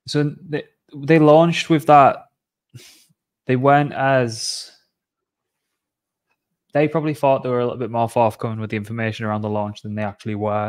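A man co-hosting a casual crypto chat on a video call, relaxed and explanatory with a wry tone. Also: on the low side. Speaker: co-host. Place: home room. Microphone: webcam video call.

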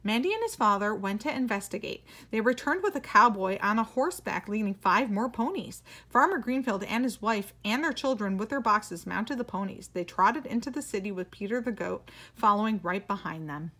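A woman reading a children's picture book aloud as a storyteller, expressive and animated. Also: mid-range voice, moderate pace, few pauses.

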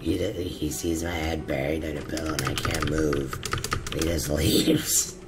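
A man hosting a game role-play, joking loudly and laughing as he plays. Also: extremely low pitch, fairly even intonation, moderate pace, background noise. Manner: loud, laughing, joking outbursts. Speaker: gamer host.

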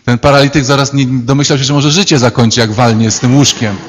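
A man's voice: medium pitch, fairly even intonation, fast, breathy edge, in a large hall. Priest guy giving a sermon, ironic and playful, acts out people mid-story.

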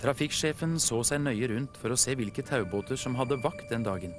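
A man from Norway narrating a children's TV story in an animated storytelling way. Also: mid-range voice. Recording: music playing behind.

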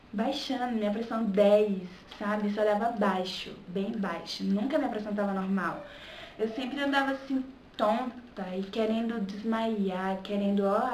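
In her home vlog, this Bahian vlogger from Salvador, a young adult, keeps tacking "sabe?" onto her chatty remarks, speaking Brazilian Portuguese with that regional accent. She talks at a medium pitch. Slight background noise and faint ambience fill an echoey room.

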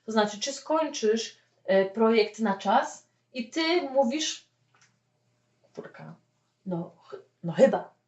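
A woman teaching a spoken English lesson, explaining with lively "okay?" check-ins. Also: a little high, takes it slowly, pauses often. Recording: echoey room, mic at a distance, dull lo-fi sound.

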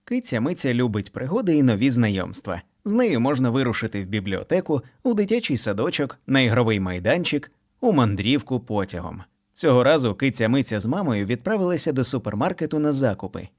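Male storybook reader, expressive and melodic, mid-pitched. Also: fairly quick. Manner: expressive, sing-song storytelling. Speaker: children's book reader. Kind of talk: storybook read-aloud.

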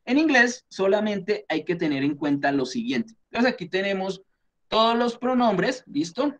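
High-voiced Colombian man teaching a class. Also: sing-song, moderate pace, a bit bright. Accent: Colombian Spanish. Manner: patient step-by-step explaining, frequent fillers and check-ins. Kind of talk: explaining a class lesson.

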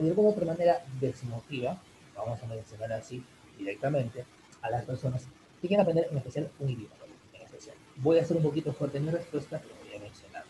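A man teaching an online English class in Spanish, answering a student's question in a rambling way with many fillers, addressing the students warmly as "chicos". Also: mid-range voice, a little hiss or hum, poor audio. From Peru. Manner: rambling, full of fillers like "en este caso" and "chicos".

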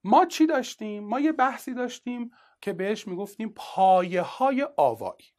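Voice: mid-range voice, expressive, darkish tone. A teacher giving an exam-prep literature lesson in casual, colloquial speech, walking through each step and asking rhetorical questions along the way.

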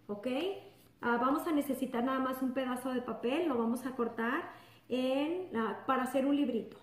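A woman's voice: high-pitched, darkish tone, echoey room, distant mic. A woman pre-kindergarten teacher explaining a simple activity to parents step by step, often checking in with "ok?". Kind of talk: instructional video for parents.

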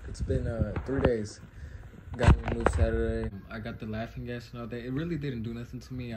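A young man talks casually to the camera in a low voice with very little melody. His mouth is swollen and sore after wisdom teeth removal, and his phrasing is slangy and repetitive. There is noticeable noise behind him. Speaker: vlogger.

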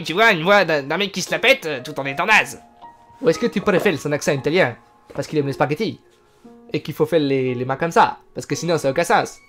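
A man in his twenties streams a game from a gaming chair at home, chatting casually as he reads text aloud and answers chat. His voice is high with a fairly bright tone.

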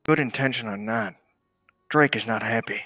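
A man's voice: mid-range voice, moderate pace, bright, forceful tone, no room sound, rough recording. An intense, brooding music boss played by a man in a crime game role-play. He is aggrieved and menacing, repeating his lines for effect, recorded close and dry with music behind him. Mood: brooding menace.

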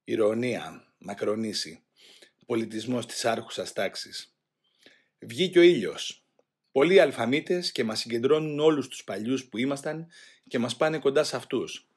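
A man reading a first-person memoir aloud in a grave, measured way. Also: medium pitch, breathy edge. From Greece. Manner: grave, measured, voicing shouted quotes louder. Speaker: audiobook reader.

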